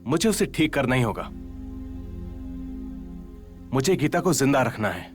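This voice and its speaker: A man's voice: medium pitch, sing-song, a little slow. An actor playing a lovesick young man. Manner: dramatic, pleading cries. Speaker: dubbed film character. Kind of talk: Hindi film dubbing. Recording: film soundtrack with faint music.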